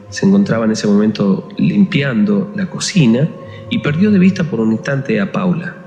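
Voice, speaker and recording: A man's voice: fairly low pitch, darkish tone, muffled recording. Man narrating a ghost story. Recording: echoey room with long reverb and faint music.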